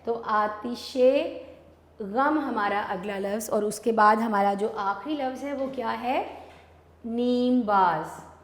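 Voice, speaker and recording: A woman teacher from Pakistan giving a recorded online lesson, patiently explaining step by step and asking and answering her own questions. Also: a little high. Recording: echoey room with long reverb.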